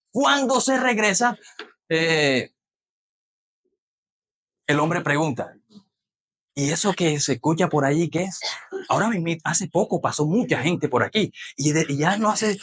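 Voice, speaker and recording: Male preacher with a high voice; delivers a lively sermon and questions the congregation. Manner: animated, retelling scripture.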